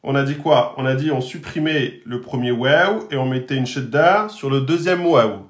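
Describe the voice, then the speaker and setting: A man's voice: medium pitch, moderate pace. A man teaching an online lesson on Arabic letters, patiently repeating and drilling each pronunciation. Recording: roomy echo.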